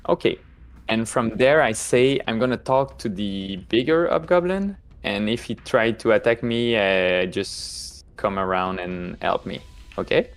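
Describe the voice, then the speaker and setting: Low-voiced man playing a tabletop game. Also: a little slow, clean tone. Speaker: player in a tabletop roleplaying game. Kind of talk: casual tabletop roleplay chat.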